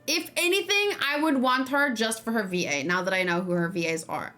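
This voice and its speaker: A woman streamer and reaction host talks casually about a game on a livestream, musing informally and thinking aloud as she goes. Her mid-range, fairly bright voice is very animated and a little fast.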